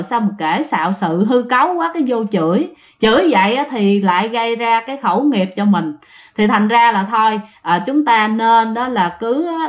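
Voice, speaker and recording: A woman telling a true ghost story casually, talking straight to her listeners. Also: fairly high pitch. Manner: chatty, addresses listeners directly. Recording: dull lo-fi sound.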